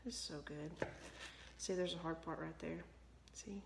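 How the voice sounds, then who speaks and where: A woman's voice: deep voice, steady tone, measured pace, gravelly, background noise. A young woman chatting casually in her kitchen for a vlog, rambling and poking fun at herself. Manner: chatty and rambling, self-mocking, laughs often. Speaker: vlogger. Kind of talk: casual chat. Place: home kitchen.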